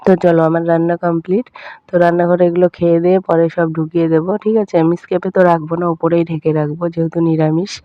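A woman's voice: fairly low pitch, little pitch movement, fast talker, no room sound, dull audio. A young woman casually narrating her day in a home vlog voice-over, chatting to viewers as friends and often adding "all right". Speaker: daily-life vlogger. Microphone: voice-over recorded separately.

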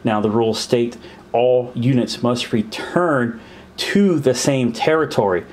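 Seated at a table indoors, a man plays a war board game, counting pieces aloud and puzzling over the rules as he goes. His mid-range voice is a little slow.

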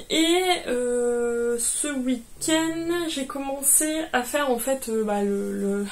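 A young woman chatting about her knitting projects, hesitant and full of fillers, cheerful and laughing often. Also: fairly high pitch. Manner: hesitant, many fillers and restarts. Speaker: knitting vlogger. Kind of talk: casual show-and-tell chat.

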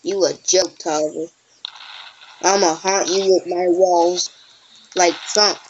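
A woman's voice: on the low side, fairly even intonation, takes it slowly, a little mellow, lo-fi sound, a little hiss or hum. Playful trash-talking woman gaming. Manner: playful teasing trash talk. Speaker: gameplay channel host. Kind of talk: casual gameplay commentary.

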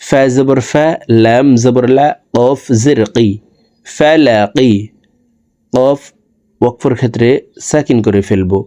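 A man teaching Quran reading, spelling out each letter slowly and then chanting the verses long and drawn out. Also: mid-range voice, dark tone. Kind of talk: recitation lesson.

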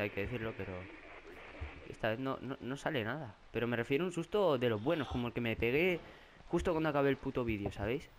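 A young man from Spain with a Spanish accent, narrating a horror game and getting jumpy, swearing and crying out in fright. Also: medium pitch. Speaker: gaming YouTuber. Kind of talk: horror game let's play commentary. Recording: faint background noise.

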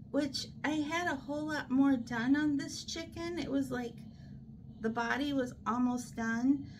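A middle-aged woman chatting casually about her crochet project from a hospital bed, unhurried and laughing at herself. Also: on the high side, a little mellow, a little hiss or hum, poor audio. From United States. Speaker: crochet vlogger. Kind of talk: casual show-and-tell chat. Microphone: fixed camera in front.

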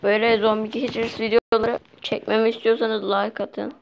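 A young woman streaming mobile gameplay talks briskly in a creaky voice on the high side, keeping her tone level. She chats away to her viewers, often exasperated. Her recording is dull and lo-fi, with faint hiss.

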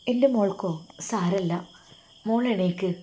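A woman's voice: mid-range voice, a little slow, mellow, lightly acted. A woman voicing a loving, emotional middle-aged mother who fusses tenderly over her daughter. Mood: fussing. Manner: doting, fussing, tearful.

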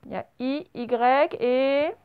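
A woman teaching young children a spelling and dictation lesson, speaking slowly and patiently and spelling words out letter by letter. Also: sits high, clean tone. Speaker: primary school teacher. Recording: slightly dull, lo-fi home recording.

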